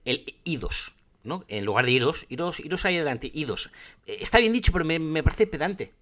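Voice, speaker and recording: Man, podcast co-host, quick and bright-voiced, animated storyteller. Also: fairly high pitch. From Spain. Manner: animated storyteller, laughs often. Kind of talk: casual chat.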